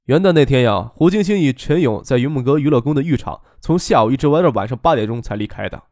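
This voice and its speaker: Guy doing a cocky young dude in an audiobook, lively voice, dry sound. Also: medium pitch, fast talker, dry recording, close to an everyday voice. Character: young man, cool and self-assured. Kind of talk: audiobook character voice.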